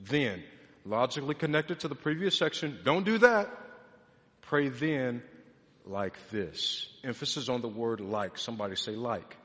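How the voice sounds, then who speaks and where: Animated preacher in an echoing hall. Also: male voice, mid-range voice, fairly quick. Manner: animated preaching, swings from loud emphatic to soft and hushed. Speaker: pastor. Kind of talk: sermon. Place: church sanctuary. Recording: long reverb of a large hall.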